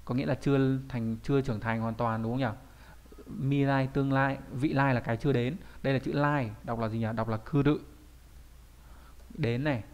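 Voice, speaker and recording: A man's voice: medium pitch, steady tone, moderate pace, a little mellow. A man teaching kanji in an online video lesson, talking casually and often asking rhetorical questions and tag questions.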